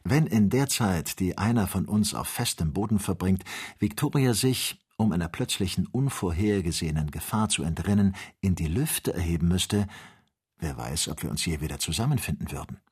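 A man reading a calm, cautious doctor. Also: sits low, husky, heavily acted. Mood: earnest. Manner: measured and instructive. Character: calm, careful male doctor leading the expedition.

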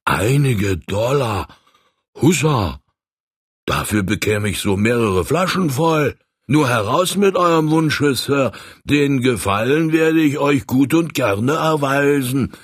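A man doing a low, gravelly thirsty stoker. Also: slow pace, no echo, clean studio sound, full character voice. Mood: eager. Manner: eager, grumbling, fond of drink. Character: thirsty, cunning grown male ship's stoker.

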